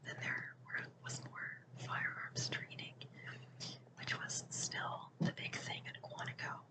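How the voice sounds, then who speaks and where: A person reading a book aloud for ASMR in a hushed, unvoiced whisper. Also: rough recording. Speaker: ASMR reader.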